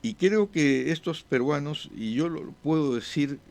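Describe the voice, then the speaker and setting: A man speaking as a diplomat guest in an interview, with halting answers full of "eh" pauses and restarts. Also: fairly high pitch, expressive, vocal fry, darkish tone. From born abroad.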